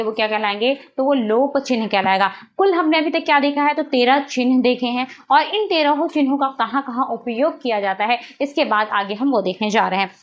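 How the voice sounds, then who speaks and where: A woman teaching a grammar lesson, repeating points and answering her own questions as she explains. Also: sits high. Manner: repetitive, rhetorical questions answered herself.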